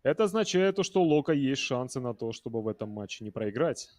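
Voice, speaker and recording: A man's voice: mid-range voice, expressive, fast talker, darkish tone. A man giving live football commentary in a conversational way, talking directly to viewers and players.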